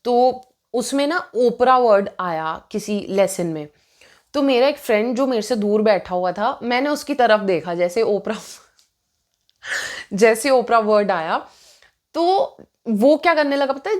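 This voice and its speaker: A woman's voice: fairly high pitch, a little slow. Chatty young woman telling a story. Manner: chatty, mixes Hindi and English mid-sentence; lively, indignant storytelling. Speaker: vlogger telling a personal story. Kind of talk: casual storytime narration.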